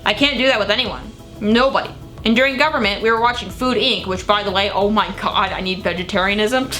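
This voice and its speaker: Bright-voiced young woman, dramatically reading diaries. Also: medium pitch, brisk, faint music behind. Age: young adult. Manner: dramatic, gushing, exclaiming, with sweary asides. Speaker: vlogger. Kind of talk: reading old teenage diary entries aloud with casual commentary.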